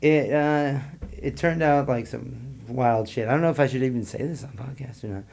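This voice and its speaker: A man's voice: mid-range voice, moderate pace, vocal fry, darkish tone. A middle-aged man, a guest on a podcast, telling a long story in a rambling, profane way and laughing between lines. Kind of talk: casual storytelling.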